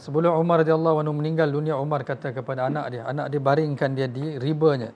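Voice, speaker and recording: A man's voice: fairly high pitch, steady tone, fast talker, lo-fi sound. A man with a Malaysian Malay accent preaching a sermon, telling stories with feeling and addressing his listeners directly. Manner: emotional storytelling, voices quoted figures, addresses audience as tuan-tuan.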